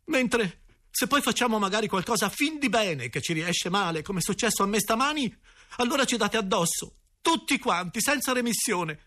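A man's voice: high-pitched, animated, moderate pace, pushed and bright, pitched above the performer's own voice, exaggerated voice. A man reading an audiobook, voicing a cheeky young boy who protests defiantly in a raised voice. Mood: indignant.

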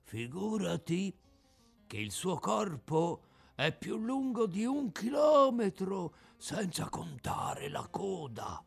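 A man's voice: sits high, very animated, takes it slowly, creaky, husky, faint music behind, voice pushed up, exaggerated voice. A man voicing a resigned, philosophical old male tuna with a cracked, out-of-tune voice, in an audiobook reading. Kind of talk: audiobook character voice.

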